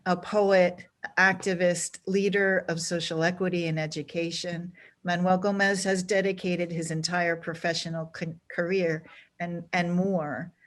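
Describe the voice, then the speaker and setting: Earnest woman hosting a video call. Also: lowish voice. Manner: earnest, slightly halting, with small restarts. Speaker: program director and event host. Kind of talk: introducing speakers at an online event. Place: home or office on a video call.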